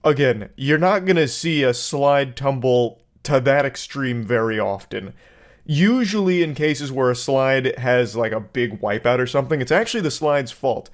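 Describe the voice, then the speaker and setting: Male commentary host: casual, comedic, mid-range voice, over-analyzes with deadpan-scientific wording and frequent swearing, close-miked. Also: medium pitch, normal speed. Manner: sweary, mock-analytical, rambling hyperbole. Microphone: close desk microphone.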